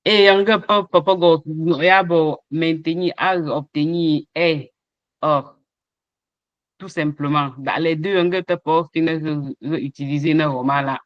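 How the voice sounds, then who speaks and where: A man in an online training session, slowly checking participants' answers one by one. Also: fairly high pitch, fairly even intonation, dry recording, lo-fi sound.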